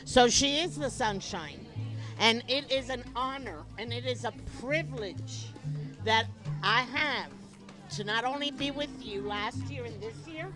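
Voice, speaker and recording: A woman's voice: a little high, unhurried, music in the background. An older woman, a retired schoolteacher, gives an earnest, heartfelt tribute to her former student in an interview.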